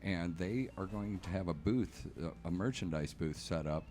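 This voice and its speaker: A man with a low, deep voice chatting loosely on his own radio show from a studio. He talks easily, trailing off and restarting lines as he goes. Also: normal speed, slight background noise. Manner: relaxed, restarts sentences often. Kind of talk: casual radio chat.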